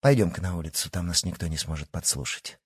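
Man voicing a hushed secretive young woman. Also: fast talker, husky, no room sound, studio quality. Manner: low, hushed, conspiratorial. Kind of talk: audiobook character reading.

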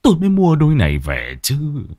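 A man voicing a frightened old village man who stammers in a low, uneasy voice. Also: wildly swooping pitch, brisk, mellow, no echo, studio quality. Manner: stammering, fearful.

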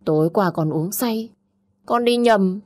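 A woman's voice: medium pitch, measured pace, darkish tone, pitched above the performer's own voice, close to an everyday voice. A woman narrator voicing a young man defensively pleading his innocence to his father.

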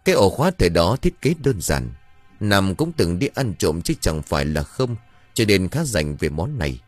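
A man with a very deep voice narrates a story in an audiobook. His delivery is expressive, with plenty of rise and fall in pitch. Faint music plays softly underneath. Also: normal speed, dry recording.

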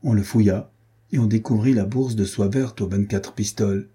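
Dark husky male audiobook narrator. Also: lowish voice, normal speed. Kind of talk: scripted narration of a novel.

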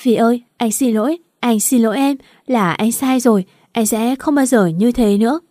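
A woman's voice: on the high side, moderate pace, dark tone, dry recording, studio quality, close to an everyday voice. A woman voicing a weak, careless young husband who talks flippantly in a storybook reading. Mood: remorseful. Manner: slurred, flippant.

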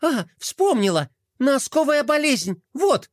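A man voicing a small, excitable princess girl who chatters breathlessly and fast. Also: extremely high pitch, no echo, clean studio sound, voice pushed up, exaggerated voice. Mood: anxious.

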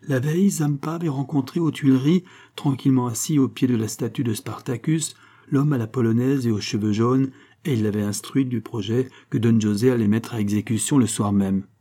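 A male audiobook narrator reading a classic novel at a measured, unhurried pace. His voice sits at an ordinary pitch, dark and mellow, with a husky grain.

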